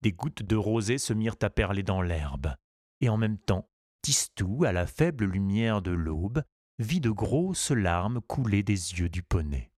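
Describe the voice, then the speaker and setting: A man reading a children's storybook aloud in a calm, measured and gently expressive way. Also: lowish voice, no echo, clean studio sound. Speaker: audiobook narrator. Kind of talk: scripted storybook narration.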